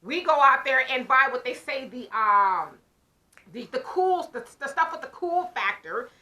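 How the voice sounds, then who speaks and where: In an unhurried, high-pitched voice, this podcast co-host animatedly tells a story during a casual talk show chat, playing both sides of a conversation as she goes.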